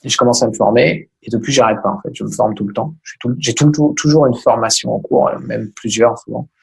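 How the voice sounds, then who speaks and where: A man's voice: mid-range voice, quick pace, creaky. A man being interviewed as a podcast guest, talking casually and thinking aloud as he explains. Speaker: podcast guest, online business owner.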